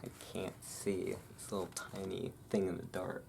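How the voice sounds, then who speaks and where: Vocal fry colors this deep, level-toned voice as the host talks a little slowly, casually rambling and mocking himself around a book reading for ASMR fans. He's indoors at home, and the noisy room carries thunderstorm ambience and room noise.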